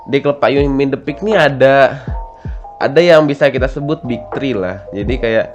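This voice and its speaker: Young male vlogger, casual storyteller, self-correcting, spikes high when indignant. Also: highs cut off.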